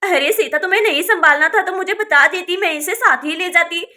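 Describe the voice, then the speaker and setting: A woman's voice: very high voice, fairly quick, pushed and bright. A woman voicing a worried young village mother who scolds her sister in a doll story. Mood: anxious. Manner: anxious, scolding.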